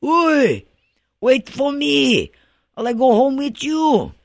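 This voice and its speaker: A relentless severed head in a spoken ghost story, as a man puts it on. It calls in a high, loud, gravelly wail with a Hawaiian Pidgin accent. The sound is dry and close. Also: wildly swooping pitch, very slow, no room sound, full character voice. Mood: eerie calling.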